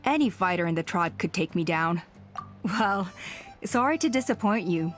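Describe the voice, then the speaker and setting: An actress playing a humble, kindly aging woman leader in a video game, measured and gracious. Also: fairly low pitch, animated, soft background music, natural voice. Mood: modest, wistful.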